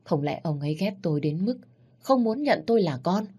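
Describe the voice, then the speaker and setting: A woman reading a first-person story aloud in a steady, plain storytelling manner. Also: on the low side, brisk, breathy edge. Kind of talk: first-person audiobook narration.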